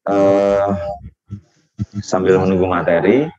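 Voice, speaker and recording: A man in his forties giving a webinar talk to parents as a lecturer, unhurried and hesitant, with frequent fillers and tag questions. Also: deep voice, level tone, darkish tone, highs cut off, soft background music. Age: 40s.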